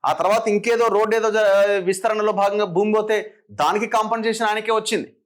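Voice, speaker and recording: A man's voice: high-pitched, fairly even intonation, fairly quick. A man with a Telangana Telugu accent giving opinionated political commentary, firing sarcastic rhetorical questions.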